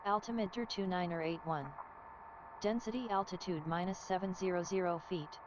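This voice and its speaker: A woman reading an airport weather broadcast over aircraft radio, in a clipped, measured delivery of numbers and codes. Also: fairly low pitch, fairly even intonation. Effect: automated airport weather broadcast over aircraft radio. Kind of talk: recorded terminal information broadcast. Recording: muffled radio audio with loud hiss.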